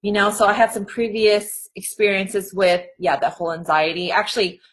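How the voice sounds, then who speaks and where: A woman's voice: medium pitch, fairly even intonation, moderate pace, a bit bright, low-quality recording. A young adult woman speaking as an interview guest, talking in an earnest, motivational way and filling her sentences with "like" and "okay". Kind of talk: casual conversational interview.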